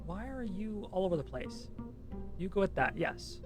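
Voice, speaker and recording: A man's voice: sits high, lively intonation, moderate pace, soft background music. A man streaming a game with a co-host, casually talking himself through each step and swearing now and then. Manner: narrates each step under his breath, easygoing and swearing.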